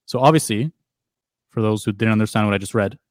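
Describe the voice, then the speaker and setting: A man co-hosting a sports podcast in casual chat, sometimes reading text aloud in a flat, measured way. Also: fairly low pitch, no echo, studio quality. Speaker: podcast co-host.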